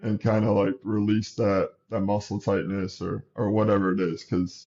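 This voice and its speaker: On a muffled recording, a man in his 30s who coaches basketball talks as a guest in a casual interview. His voice is on the low side at a moderate pace, and he's relaxed, rambling, restarting often and sniffling.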